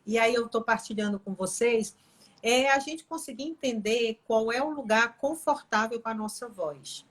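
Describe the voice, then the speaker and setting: A woman's voice: a little high, normal speed, fairly bright tone. A middle-aged woman from Pará, Brazil, a guest on a live chat, talking earnestly about training her own voice. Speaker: guest, court employee and therapist. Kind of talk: casual chat on an online live.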